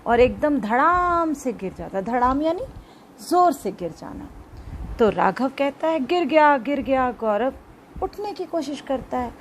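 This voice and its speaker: A woman's voice: high-pitched, sing-song, measured pace, slight background noise, low-quality recording. A woman teacher reading a children's story aloud as a lesson and explaining it to young pupils.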